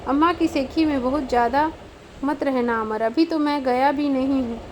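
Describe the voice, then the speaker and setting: Audiobook: woman voicing a cocky young man, high-voiced defiance. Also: moderate pace, darkish tone, a little hiss or hum, lightly acted. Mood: defiant.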